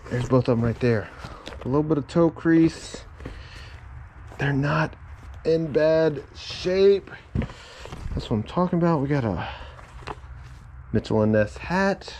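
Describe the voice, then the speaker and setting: An expressive man with a voice on the high side mutters his way through a storage unit as a reseller, unhurried but upbeat whenever he turns up a good item. The casual commentary is captured outdoors by a head-mounted point-of-view camera amid loud background noise.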